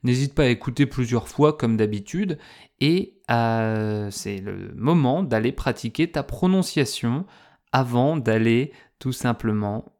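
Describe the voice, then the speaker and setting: A man teaching French vocabulary to learners, slowly and patiently explaining words with lots of repetition and speaking informally to the listener. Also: medium pitch, lively intonation, a little mellow. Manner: addresses listener informally, fillers.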